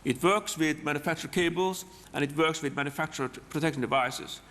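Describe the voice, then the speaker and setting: A man with a Norwegian accent, a native Norwegian speaker giving a technical software demonstration, haltingly, often repeating words and restarting. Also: a little high. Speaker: software presenter. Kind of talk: live technical demonstration talk. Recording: long hall reverb.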